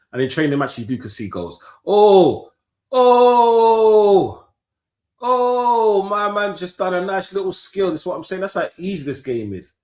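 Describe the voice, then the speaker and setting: A man, streaming commentary on a football match live. He talks in animated, slang-filled banter, swears often and breaks into shouts. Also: fairly high pitch, reverberant.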